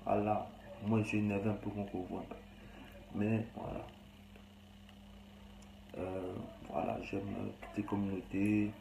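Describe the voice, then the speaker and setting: A man's voice: fairly low pitch, level tone, slow pace, vocal fry, reverberant, background noise. A young man with a Cameroonian accent talks bluntly and rambles in a casual, slangy monologue. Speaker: vlogger.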